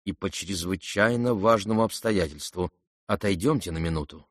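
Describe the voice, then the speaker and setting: A polished, confiding gentleman , voiced by a male reader, talks low and hushed. The reader's deep voice sinks even lower and quieter. The dry, close sound makes it feel private. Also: moderate pace, dry recording. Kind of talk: audiobook character reading.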